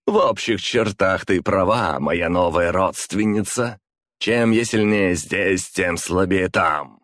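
Male narrator doing a tired, contemptuous villain, slow and mocking, dry audiobook sound. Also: sits low, fairly bright tone, dry recording, voice pushed up. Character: cruel weary male villain possessing a body. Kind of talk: audiobook character voice.

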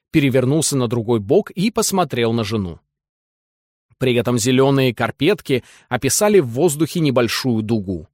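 A man narrating a literary novel as an audiobook, in a lively, ironic storytelling manner. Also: medium pitch, no echo, clean studio sound.

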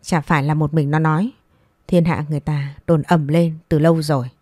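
A shrill, scornful old mother-in-law, sharp-tongued and quick to scold, as a woman storyteller puts her on. The voice sits low and dark, and the words come fast and cutting. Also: level tone, no room sound, studio quality.

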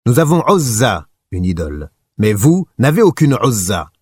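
A man's voice: medium pitch, very animated, normal speed, husky, no room sound, clean studio sound. A man voicing a defiant enemy chief who calls out taunts from a mountaintop, his voice raised. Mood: boastful. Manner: calling out loudly, taunting.

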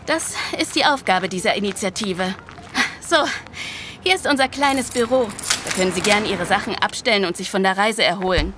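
Playing a friendly Nigerian nun concerned with making peace, a woman explains things in a conversational, slightly halting way for an interactive audio drama. She has a natural mid-range voice at a moderate pace, with noise in the background.

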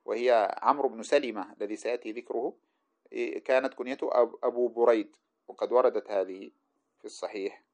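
Fast-talking man teaching a classical text. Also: mid-range voice, fairly even intonation, darkish tone. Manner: spells out letters and vowels of names; reads passages aloud then explains them. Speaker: hadith sciences teacher. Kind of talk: lecture commenting on a classical text. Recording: dull lo-fi recording.

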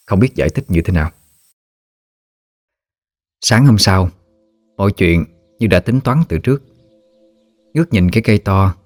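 A man narrating a ghost story in a steady, measured way. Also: deep voice, dry recording.

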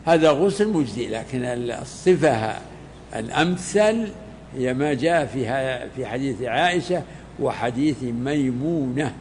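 An older man, a sheikh, explaining a classical text to students in unhurried, halting commentary. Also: medium pitch, animated, darkish tone. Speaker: sheikh teaching a hadith text. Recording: hall reverb, faint background noise.

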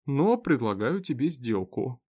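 A man's voice: mid-range voice, big pitch swings, measured pace, darkish tone, slightly rough. A man voicing a mocking, predatory prisoner who drawls his words slyly. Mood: taunting. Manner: sly, drawling, taunting.

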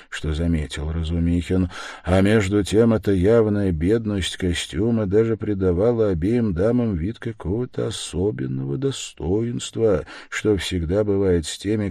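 A man reading a novel aloud in scripted narration, measured and expressive. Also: low voice, no room sound, studio quality. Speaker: audiobook reader.

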